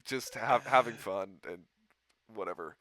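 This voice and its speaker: A man's voice: on the low side, unhurried, sharp tone. A man hosting a podcast, telling a rambling story in casual chat and laughing often. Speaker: podcast host.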